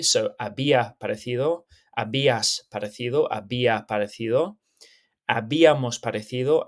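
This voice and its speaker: Methodical man teaching a grammar lesson. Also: mid-range voice. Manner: clear, methodical, checks in with "okay?". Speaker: Spanish teacher. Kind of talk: screen-recorded grammar lesson.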